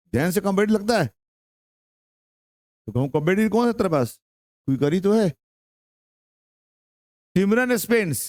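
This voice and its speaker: A man's voice: high-pitched, a little mellow, dry recording, studio quality. A young man with a Bihari Hindi accent teaching an English grammar lesson to a class, drawing out his words and repeating questions and answers.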